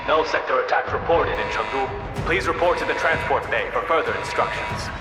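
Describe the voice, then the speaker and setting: A man voicing a university emergency announcer in a game cinematic, making formal, urgent announcements through a public address loudspeaker. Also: mid-range voice, brisk. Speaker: campus announcer. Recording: echoey loudspeaker over loud music.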